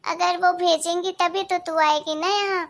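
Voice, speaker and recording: A woman plays a worried middle-aged mother on the phone in a cartoon story. She explains things softly and reassures. The voice stays very high. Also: steady tone, moderate pace. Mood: gentle.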